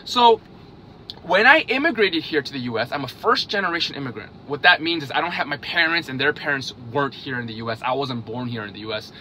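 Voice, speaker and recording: Speaking casually to camera, an investing vlogger in his thirties, from South Korea and raised in Hungary, follows nearly every point with "okay?". His mid-range voice is bright and forceful, with lively intonation and a quick pace, over slight background noise.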